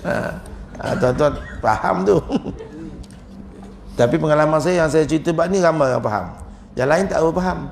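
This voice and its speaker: A Malaysian Malay religious teacher preaching in a lively, joking way, his voice pitched high for a man and rough with grit. A faint hiss sits under his talk. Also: moderate pace, pauses often. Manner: joking, chuckles often, lively storytelling. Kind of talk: humorous religious lecture.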